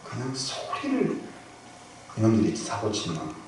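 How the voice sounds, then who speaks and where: A male pastor preaching a storytelling sermon, moving between loud bursts and hushed near-whispers. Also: fairly low pitch, huge pitch swings, normal speed. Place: church sanctuary. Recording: very echoey hall, from far off, noisy.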